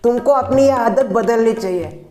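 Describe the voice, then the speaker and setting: Tired moralizing father-in-law for a comedy skit, acted by a performer, mid pitch, echoey room. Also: normal speed, warm tone, lightly acted. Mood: weary. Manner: lecturing, tired. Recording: echoey room, faint background music.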